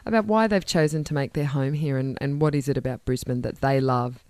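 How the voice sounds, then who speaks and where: A radio host from northern New South Wales, Australia, with an Australian accent, conducts an interview in a studio. She's chatty and enthusiastic, with small restarts. Her voice is a rumbling low with a darkish tone and a fairly quick pace, and the studio microphone picks up no room sound.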